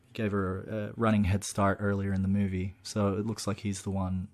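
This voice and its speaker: A man's voice: on the low side, completely flat delivery, moderate pace, darkish tone. A man co-hosting a podcast, casually walking through a film's plot at length and peppering his talk with "you know" and "look". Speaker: podcast co-host. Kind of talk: casual film discussion.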